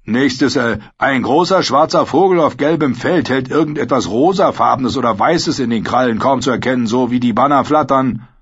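A man's voice: mid-range voice, moderate pace, hardly any pauses, a bit bright, slightly rough, pitched above the performer's own voice. A man voicing a blunt, mocking sellsword in a storybook reading. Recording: dull lo-fi audiobook recording.

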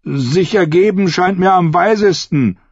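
Pragmatic wary knight, urging in a raised voice, read by a husky man, dull recording. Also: on the high side, measured pace, no room sound, voice pushed up. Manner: urging, persuasive.

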